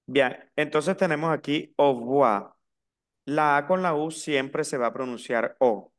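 Smooth-voiced man teaching a class. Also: fairly high pitch. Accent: Latin American Spanish. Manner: slow, spelled-out pronunciation drills. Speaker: French teacher. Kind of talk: online language lesson.

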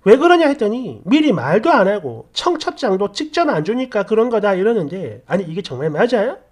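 A woman's voice: mid-range voice, very animated, fairly quick, a little mellow, breathy edge. A woman narrating a story in the first person, sounding indignant and aggrieved as she complains.

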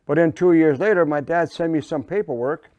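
Seventies man, raised in Massachusetts, guest in a studio interview; mellow, dry close sound, loose anecdotal delivery. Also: fairly high pitch, a little fast, no echo, dull audio. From Canada, raised in Massachusetts. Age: 70s. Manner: rambling, folksy anecdotes with restarts. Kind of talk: casual storytelling interview. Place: indoor studio set, seated.

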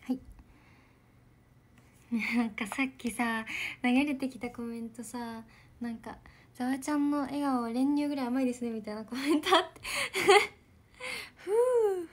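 A young woman idol chatting casually on a livestream, bubbly and giggly, soft-spoken as she reads out viewer comments. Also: on the high side, fairly even intonation, normal speed, long pauses.

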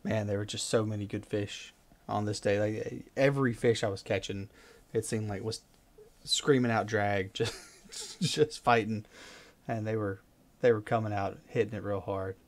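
A man talks over his own fishing footage in a loose, rambling way, often repeating words. His voice sits a little low, and he livens up whenever a big fish shows. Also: fairly even intonation, moderate pace. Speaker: fishing vlogger.

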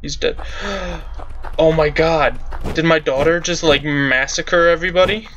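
A man's voice: on the high side, steady tone, normal speed, fairly bright tone, highs cut off, a little hiss or hum. A young man giving casual let's-play commentary at home, chatty, joking and self-deprecating, with faint game music behind. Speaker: gamer. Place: room at home with windows open.

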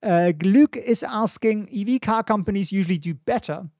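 This is a stock market livestream host in his forties with a German accent, giving casual live commentary on charts as he thinks aloud and answers viewer questions. His voice sits high and a little mellow, at a moderate pace. The small indoor home studio and boom-mounted studio mic leave no echo.

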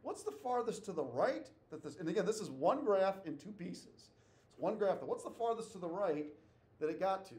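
A man's voice: high voice, animated, moderate pace, a little mellow, distant mic. Man teaching math in an echoey classroom. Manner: calls out questions and repeats answers, tags "okay?". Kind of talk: classroom lecture with questions to students.

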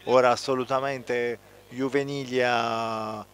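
A man with an Italian accent co-commentating on a football match outdoors, analysing play in measured, hesitant phrases. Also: medium pitch, level tone. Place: outdoors beside a small football pitch.

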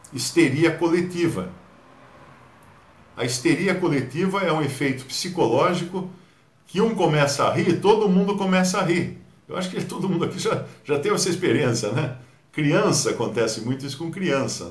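A man with a Brazilian Portuguese accent giving a Bible study, animated and mockingly mimicking others. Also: on the high side, roomy sound. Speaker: Bible teacher.

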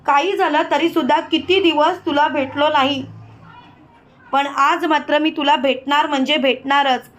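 A scheming manager, smitten and gloating to himself in a retold home drama. A woman reads him in her own high voice. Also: steady tone, unhurried, fairly bright tone. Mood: gleeful.

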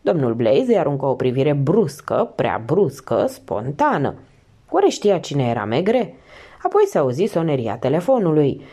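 Female audiobook narrator, expressive and lively, mellow dark tone. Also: low-pitched, breathy edge. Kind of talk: scripted narration.

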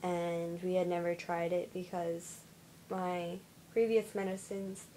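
A young woman records a casual video diary at home, sounding tired and yawning now and then. She talks slowly in a flat, even voice, stopping often with fillers and restarting her sentences. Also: lowish voice, slight background noise, rough recording. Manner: halting, with many fillers and restarts. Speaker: vlogger.

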